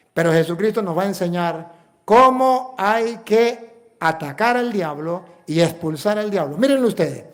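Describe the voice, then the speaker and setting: A Venezuelan priest preaching a sermon in an emphatic, repetitive way, full of rhetorical questions. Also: male voice, sits high. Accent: Venezuelan Spanish.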